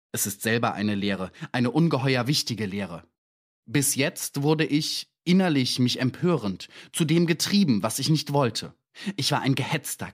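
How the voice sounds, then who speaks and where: Man doing a tormented murderer in his 30s, impassioned and self-justifying; middle pitch, audiobook. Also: close to an everyday voice. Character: tormented male murderer, 36 years old, pleading.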